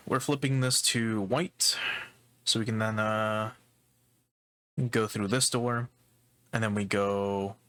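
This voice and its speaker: Male gaming streamer, low-pitched and bright, relaxed let's-play chatter. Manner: relaxed, talks through puzzle steps with fillers and swearing. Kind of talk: casual let's-play commentary.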